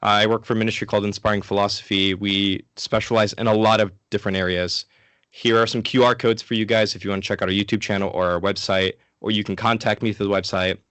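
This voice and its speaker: A man giving an informal, interactive lecture in a casual, conversational way, sick and low on energy. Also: little pitch movement, fast, fairly bright tone, no room sound. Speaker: guest lecturer from an online ministry.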